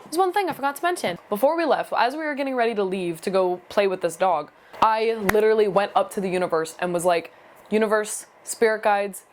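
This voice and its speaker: A woman's voice: mid-range voice, expressive, fast talker, background noise. A young adult woman chatting casually in a storytelling vlog, filling her sentences with "like". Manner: chatty, leans heavily on "like" as filler. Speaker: vlogger.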